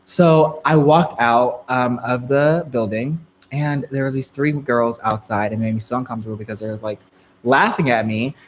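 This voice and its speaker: A young man in his twenties spins a casual story for his live stream viewers. His voice sits at a middle pitch, with a faint hiss behind it. He is chatty and loose, laughing often and jumping between loud and quiet. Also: normal speed. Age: 20s. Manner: chatty, filler-heavy, frequent laughs, swings between loud and soft.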